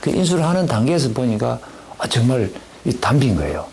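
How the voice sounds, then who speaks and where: A man talks informally in an interview as a wildlife rescue worker. His pitch moves in a lively way and his voice has a noticeable fry, in a conversational telling. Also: a little fast, slight background noise. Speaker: wildlife rescue center staffer being interviewed.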